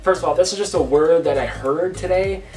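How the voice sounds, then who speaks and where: A young man vlogger talking casually in a rambling, deadpan way. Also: a little high, fairly quick, soft background music. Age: young adult. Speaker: vlogger and prank caller. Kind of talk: casual prank call and vlog chat. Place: small room indoors at home. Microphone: camera a few feet away. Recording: roomy echo, distant microphone.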